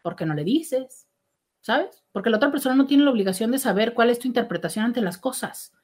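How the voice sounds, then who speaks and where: A middle-aged woman with a fairly high voice hosts a casual call-in show, reading out listener messages at a fairly quick clip. She's chatty, warm, and animated, full of exclamations.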